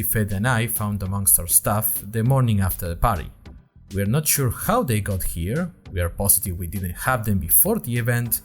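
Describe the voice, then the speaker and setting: This audio fiction podcast narrator is a man with a medium-pitched, slightly dark, natural voice. He plays a chatty, nervous young college student telling his story wryly and conversationally, with dramatic emphasis. The delivery is scripted first-person storytelling in a diary-like style.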